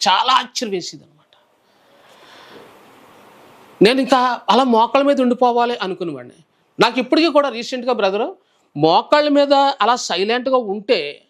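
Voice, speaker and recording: A man who is a preacher, telling his personal testimony in a calm, soft-spoken way during an interview. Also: very high-pitched.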